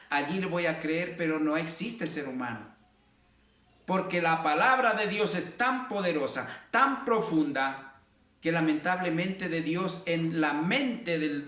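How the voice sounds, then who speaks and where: A man preaches a sermon with a high, bright voice that rises and falls in fervent emphasis. He speaks from some way off the mic. The sound rings around an echoey room. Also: recorded from a distance. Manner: preaching with fervent emphasis and repeated "amados hermanos". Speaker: pastor.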